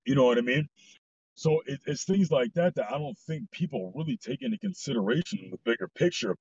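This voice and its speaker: A man with a slightly high, breathy-rough voice rants bluntly, swearing at every turn as he hosts a podcast. The sound is dry and muffled, like an online voice call with no room around it. He comes across as heated and unfiltered. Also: mellow, no echo. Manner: heated, swears heavily, ranting. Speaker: podcast host. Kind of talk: blunt, profane casual chat. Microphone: voice chat mic.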